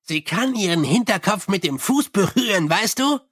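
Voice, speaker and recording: A man's voice: high voice, lively intonation, normal speed, a bit bright, slightly rough, no echo, studio quality, pitched above the performer's own voice, heavily acted. A man doing a chatty, cheeky little corporal. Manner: chatty, eager, unbothered. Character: scruffy small male corporal, chatty and cheeky.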